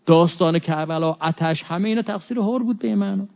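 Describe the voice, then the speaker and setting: A man giving a religious talk to an audience, animated and acting out quoted exchanges with sudden rises and drops in his voice. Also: sits high, vocal fry. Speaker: religious lecturer. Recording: dull lo-fi recording.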